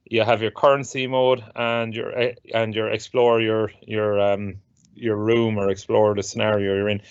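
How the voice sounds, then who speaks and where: A man presenting and explaining technology in a casual, halting way, often repeating and rephrasing himself. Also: fairly low pitch, little pitch movement, clean tone, no room sound. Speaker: presenter of an assistive technology show. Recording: dull, muffled lo-fi audio.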